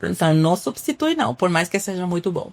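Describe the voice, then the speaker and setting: A woman from Cuba, a family doctor, talks fast in a low, sing-song voice with a Cuban Spanish accent. She is earnest during the podcast interview, walking through patient examples and restarting now and then.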